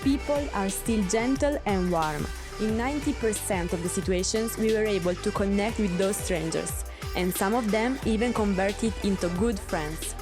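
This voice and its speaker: A woman, narrating a travel vlog voice-over in an earnest, steady way. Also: mid-range voice, moderate pace. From Italy. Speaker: travel vlogger. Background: music.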